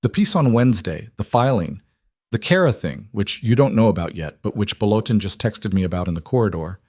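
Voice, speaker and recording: A man voicing a reserved, careful man of power who talks in a measured, deliberate way. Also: fairly low pitch, animated, darkish tone, no room sound, clean studio sound.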